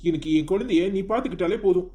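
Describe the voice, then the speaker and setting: Woman voicing a cartoon husband, young, stern, jealous, scolding, warm dark tone. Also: fairly low pitch, fast, close to an everyday voice. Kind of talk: cartoon story voice acting.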